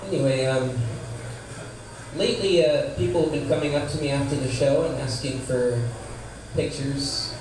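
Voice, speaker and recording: A man's voice: medium pitch, moderate pace. A man performing a stand-up comedy set, delivering short jokes to a live venue. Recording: echoey room, distant mic, noisy.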